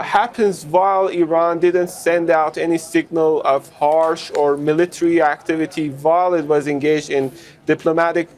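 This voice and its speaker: A male news correspondent gives an unscripted live report in a somewhat high voice. He is wordy and halting, often rephrasing his points as he goes.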